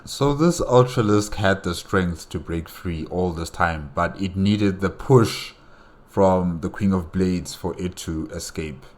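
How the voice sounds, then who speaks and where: A man's voice: low-pitched, takes it slowly, slight background noise. A man hosting a casual game reaction, musing aloud and searching for words. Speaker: reaction video host.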